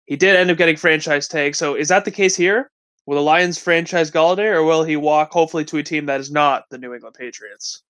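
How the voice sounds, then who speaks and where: A man co-hosting a fantasy football show, reading injury news in a steady, matter-of-fact way. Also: fairly high pitch, brisk, clear, resonant tone. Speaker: fantasy football podcast co-host. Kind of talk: casual sports news rundown.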